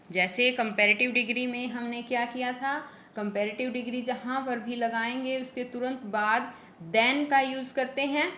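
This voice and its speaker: A woman teacher giving a grammar lesson, asking questions and answering them herself, repeating key points. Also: fairly bright tone. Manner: slow, repetitive, asks and answers her own questions. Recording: echoey room with faint rumble.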